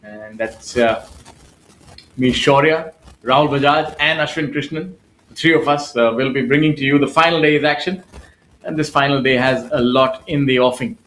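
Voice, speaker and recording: A man's voice: mid-range voice, moderate pace, fairly bright tone, low-quality recording. Man, studio golf host, flowery showman delivery, faint background hum. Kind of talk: live golf broadcast presenting.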